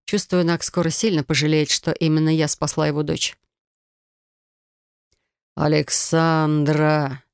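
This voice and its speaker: A woman narrating a first-person audiobook with a lively, ironic storytelling manner. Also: low voice, a little fast, hardly any pauses, clear, resonant tone, no room sound, clean studio sound.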